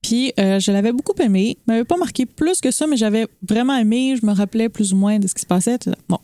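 Frank, mellow-voiced Quebec French woman. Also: on the high side, lively intonation, dry recording, studio quality. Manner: frank, deliberate opinions. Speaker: podcast guest. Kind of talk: casual podcast chat.

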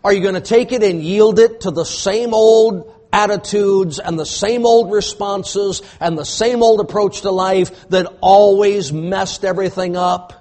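A man preaching an emphatic sermon, repeating phrases and building to shouts. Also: high voice, fairly even intonation, a little slow, few pauses. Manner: emphatic, rising to shouts, repetitive preaching cadence.

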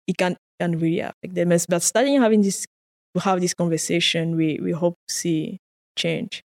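A French-speaking research scientist from Cameroon, appearing as a guest, answers interview questions conversationally. Her fairly low, darkish voice moves at normal speed as she tells stories earnestly, now and then laughing or repeating words.

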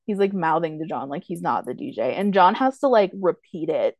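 Chatty woman with a mellow voice. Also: lowish voice, animated, fairly quick, no room sound. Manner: chatty, many fillers, quotes characters with laughs. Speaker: podcast co-host. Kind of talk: casual chat recapping a TV show.

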